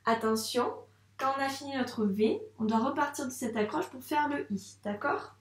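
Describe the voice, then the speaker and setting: A woman teaching a first-grade handwriting lesson, speaking slowly and patiently and encouraging the child directly. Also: high-pitched, roomy sound, recorded from a distance.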